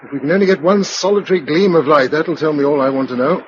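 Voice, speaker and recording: An actor playing Bill, a decisive, protective British man in a radio drama, speaking in a clipped, earnest and expressive way. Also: on the high side, fast, lightly acted. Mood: urgent, resolute. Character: Bill, decisive, protective man surviving catastrophe, tender with his sweetheart. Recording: dull, faintly noisy old radio recording.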